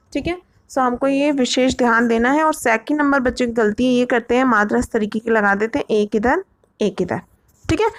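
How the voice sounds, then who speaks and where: Woman, teacher, high voice, dry close sound, patient step-by-step lesson, keeps asking "okay?". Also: no echo. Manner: slow, repetitive, checks with "okay?". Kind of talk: explaining to parents.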